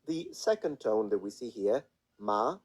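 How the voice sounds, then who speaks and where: Guy with a husky voice teaching pronunciation, swoops his pitch around a lot, very sure of himself. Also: animated, normal speed, a little mellow, low-quality recording. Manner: demonstrates sounds, confident and dismissive of bad teaching. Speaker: language teacher. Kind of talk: explanatory lesson in a played video.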